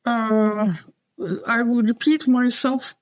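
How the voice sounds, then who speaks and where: Here the same Turkish designer and publisher sounds fairly high-pitched and steady, still speaking slowly with her Turkish accent in an echo-free recording. As an interview guest in a relaxed conversation, she hesitates and keeps looping back to what she means.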